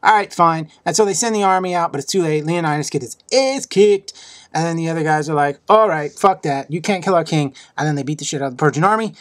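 A man's voice: a little high, fast talker, fairly bright tone, dry recording. A young man casually reviewing a movie on Blu-ray, swearing and joking and dropping into silly voices. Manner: profane, jokey, slips into silly put-on voices.

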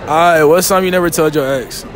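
Teen host, high voice, playful and teasing, handheld phone recording in a busy noisy mall. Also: male voice, fairly even intonation, fairly quick, a crowd in the background. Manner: joking, teasing, laughs often. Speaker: street interviewer. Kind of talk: casual mall street interview. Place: large indoor shopping mall.

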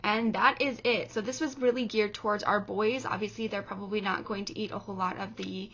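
Filmed by a camera sitting on the counter of a home kitchen, a woman in her thirties co-hosts a casual cooking demo with simple, step-by-step instructions. She speaks briskly in a steady, medium-pitched, slightly bright voice, over a little hiss or hum.

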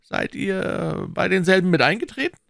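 A man's voice: sits high, lively intonation, normal speed, creaky, dry recording, clean studio sound, pitched above the performer's own voice, full character voice. A man voicing an imperious, scheming older cardinal who questions sharply, in a storybook reading. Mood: probing. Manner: sharp, probing interrogation.

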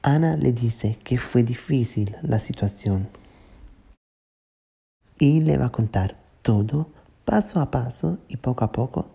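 A woman's voice: extremely low pitch, animated, takes it slowly, vocal fry, warm tone, husky. A woman host narrating a chat animation story as a simple retelling. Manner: simple retelling with plain quoted lines. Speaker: channel host.

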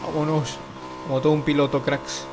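A man giving live commentary while playing a mobile shooter, excitable and swearing, breaking into panicked shouts. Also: on the high side, normal speed, background noise. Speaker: mobile game streamer.

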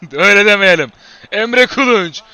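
A man giving live commentary over his football career-mode game, shouting at his players and then muttering when things go wrong. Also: high voice, expressive, a little slow, smooth, no echo. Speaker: gamer and channel host.

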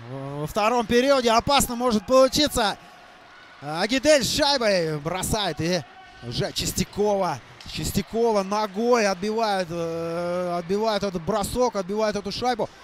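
A man doing live hockey play-by-play, halting and repeating phrases for emphasis. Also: high voice, lively intonation, a little hiss or hum. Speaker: hockey commentator. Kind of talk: live play-by-play sports commentary.

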